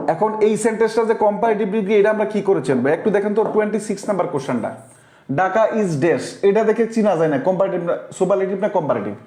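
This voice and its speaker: Man, online English teacher, live class, step-by-step explanations, reads viewer comments, slightly high voice. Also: fast talker, warm tone, roomy sound. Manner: explains step by step, often asks the class if they understood. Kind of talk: live-streamed Bengali grammar class.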